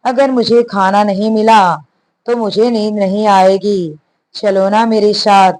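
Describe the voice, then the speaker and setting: A woman's voice: mid-range voice, fairly even intonation, slow pace, darkish tone, slight background noise, lightly acted, low-quality recording. A woman reading the lines of a frightened, stubborn young bride who pleads innocently. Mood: pleading.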